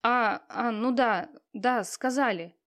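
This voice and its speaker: A woman's voice: fairly high pitch, slow pace, a bit bright. Flustered young woman student, unsure and nervous, a woman voicing her in an audiobook. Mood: anxious. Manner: hesitant, anxious. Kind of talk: audiobook character reading.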